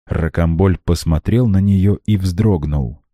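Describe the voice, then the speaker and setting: A man narrates an audiobook with a very low, dark, mellow voice. His reading is measured and dramatic. The recording is close and dry with no room sound. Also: no room sound.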